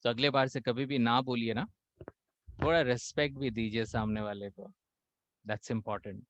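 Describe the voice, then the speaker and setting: An Indian man coaching a spoken English class, mixing Hindi and English, acting out quoted voices and slowing down on key English lines. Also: mid-range voice, steady tone, no room sound, dull audio.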